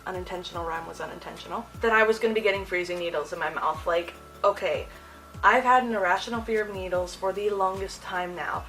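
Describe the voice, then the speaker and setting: A young woman tells a personal story in a casual, slangy and animated way, as a video host would to her viewers. Her voice sits at an ordinary pitch for a woman. She is a little distant from the mic, with music playing underneath.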